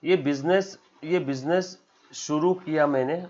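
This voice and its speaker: A man's voice: on the high side, measured pace, darkish tone, dull audio. A man with an Indian accent teaching accounts in a classroom-style lecture, repeating key terms and often asking "yes or no?". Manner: calls students "beta", acts out their questions.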